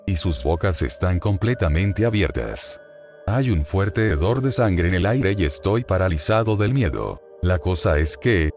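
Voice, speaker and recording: A man narrating creepypasta horror stories aloud at a steady, even reading pace. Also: low voice.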